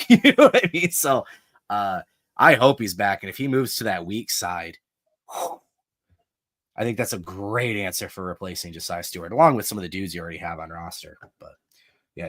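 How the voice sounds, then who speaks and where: A man's voice: low voice, a bit bright, dry recording. A man hosting a casual sports podcast, chatty and self-deprecating, who also breaks into subscription plugs. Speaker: podcast host.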